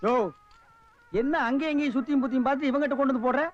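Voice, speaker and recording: Shrill film comic: a mocking loudmouth who barks insults and lectures. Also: male voice, fairly even intonation, very fast, dull audio. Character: sharp-tongued loudmouth man taunting beggars. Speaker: film comedian. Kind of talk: 1980s Tamil film comedy dialogue.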